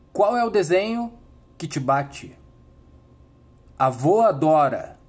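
A young Brazilian man telling dad jokes, riddle and punchline, in a deadpan manner with a husky voice. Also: high voice. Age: young adult. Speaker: comedy channel host.

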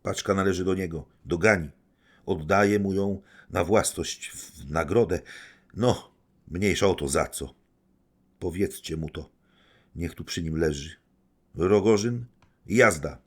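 A man's voice: deep voice, unhurried, pauses often, voice pushed up. A man reading an audiobook, voicing an imperious, defiant young society woman in a raised, commanding tone.

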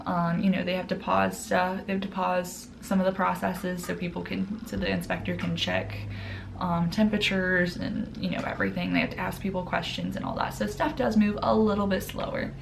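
A woman's voice: fairly low pitch, expressive, normal speed, gravelly, noisy background. A young woman vlogger telling stories in a casual, chatty way, full of fillers and restarts. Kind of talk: casual storytelling vlog.

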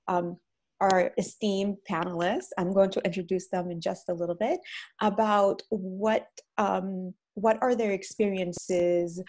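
Lady hosting a zoom panel, lots of ums, mid pitch, talks through it slow. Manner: warm, halting with many ums. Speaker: guest host and moderator. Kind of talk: webinar panel introduction.

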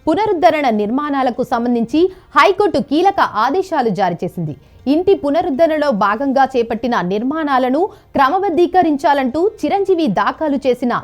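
A woman reading scripted news narration in an even, formal delivery as a voice-over. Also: high voice. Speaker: news reader. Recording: faint music bed behind voice.

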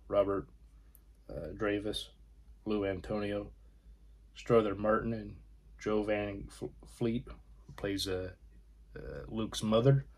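A man hosting his own film channel, casually showing his disc collection in halting, rambling talk with frequent pauses. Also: on the low side, creaky, fairly bright tone. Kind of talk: casual video collection review.

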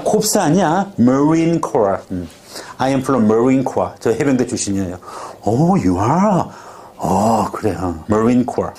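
A male teacher with a low, mellow voice leads a vocabulary class. He keeps quizzing the room and drilling pronunciation, and he wanders off into long stories between words. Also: slight background noise. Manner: talkative, drifts into stories.

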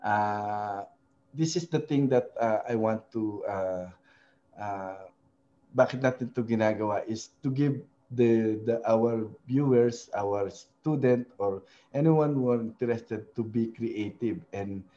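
Here the tutorial host has a lowish, dark-toned voice and moves at a slow pace, hesitating often with fillers and tag questions. The casual screen-share web design lesson blends Tagalog and English, recorded with dull audio and a slight hiss or hum.

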